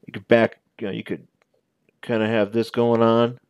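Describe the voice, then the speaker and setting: A man in his forties giving a casual, unscripted show-and-tell commentary as a reviewer, halting and correcting himself as he goes. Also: mid-range voice, level tone, a little mellow, clean tone, no echo, highs cut off. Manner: halting, conversational, self-correcting. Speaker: toy reviewer. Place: small living room at home. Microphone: headset.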